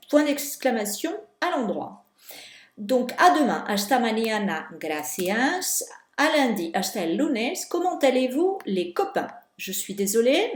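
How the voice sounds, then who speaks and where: A woman teacher correcting homework for her students, explaining step by step and slowing down on key words. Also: a little high, a little mellow. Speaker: Spanish teacher. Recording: echoey room.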